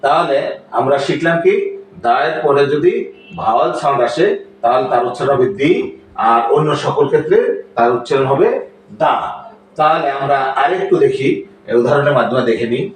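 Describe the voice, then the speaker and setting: A man teaching a spoken English lesson who explains slowly, repeats his points and checks with "clear?". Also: mid-range voice, far from the mic, a little hiss or hum. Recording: very echoey room, voice off-mic.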